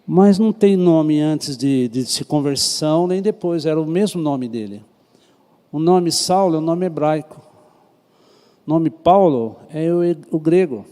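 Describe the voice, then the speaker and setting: A pastor with a Brazilian Portuguese accent teaches a Sunday school Bible class in a church hall, speaking conversationally and frequently asking the class questions. His fairly high voice is animated and dark-toned at a measured pace, with long reverb echoing through the hall.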